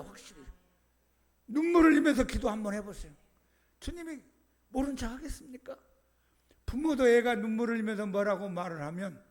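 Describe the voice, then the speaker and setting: A man, a pastor, preaching a sermon with emphatic swings between soft and loud delivery. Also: high-pitched. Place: church sanctuary.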